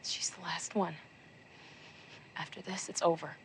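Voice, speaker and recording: A woman's voice: lowish voice, fairly even intonation, unhurried, husky, whispered. An actress playing a grieving young woman who takes revenge for her murdered family, speaking coldly and unforgivingly. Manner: cold, grief-stricken, unforgiving. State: crying.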